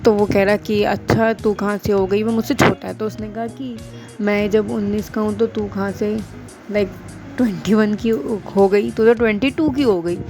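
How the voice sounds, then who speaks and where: A woman in her twenties speaks over music with a steady, mid-range voice at a moderate pace. She's a vlogger and school teacher chatting casually to camera, blending English phrases into her Hinglish and joking at her own expense.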